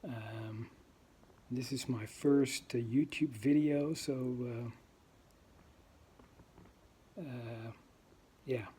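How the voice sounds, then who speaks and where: A Dutch-accented man from the Netherlands talks unscripted to camera in his first vlog, hesitating with ums and uhs as he searches for words. His mid-range voice is mellow and husky with a steady tone, and he draws out his words between long pauses.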